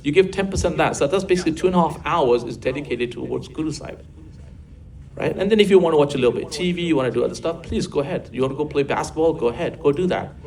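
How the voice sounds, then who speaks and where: An older man teaching a class on faith, lively and coaxing, often checking in with his listeners. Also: on the high side, very fast. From England. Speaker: religious teacher. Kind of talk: classroom religious talk.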